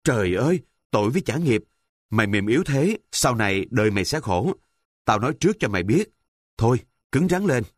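A man voicing a brash, bossy village boy who scolds loudly and boasts. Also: fairly low pitch, big pitch swings, moderate pace, no room sound, clean studio sound. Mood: scolding bossy.

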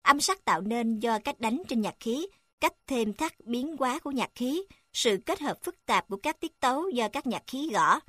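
Woman narrator, fairly high voice, formal textbook reading, dry close sound. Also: moderate pace, dry recording. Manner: even, formal reading with section numbers read aloud. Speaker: narrator reading a text on music.

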